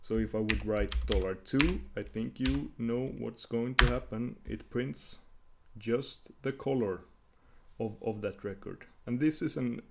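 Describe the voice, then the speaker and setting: A man talks through a coding screencast in a mid-pitched voice, explaining each command as he types. He hesitates often and restarts his phrases, and keyboard clicks come through behind him. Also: measured pace, vocal fry, a bit bright, a little hiss or hum. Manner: hesitant, many fillers and restarts while typing. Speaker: tutorial host.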